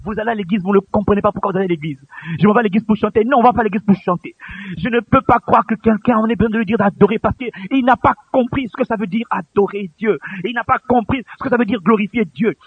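A man's voice: sits high, fast talker, slightly rough, dry recording. A man preaching a sermon in a church, impassioned and pleading, repeating his phrases for emphasis. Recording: tinny phone-like recording.

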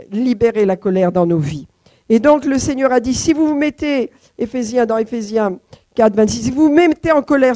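A woman's voice: mid-range voice, warm tone. A woman delivers a sermon with firm emphasis, returning again and again to the same scripture line. She turns to the congregation with questions as she goes. Her voice sounds dry and close, with no room echo. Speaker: preacher.

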